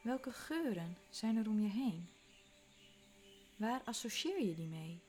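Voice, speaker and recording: A woman leading a guided walking meditation, giving calm, soothing instructions that sometimes drop to a soft whisper. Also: medium pitch, slow pace. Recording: faint music behind.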